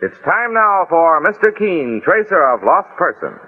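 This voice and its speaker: A man's voice: a little high, sing-song, measured pace, breathy edge. A man announcing and narrating a 1940s radio drama in a formal, declamatory style. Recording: tinny 1940s radio recording with loud music. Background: loud music.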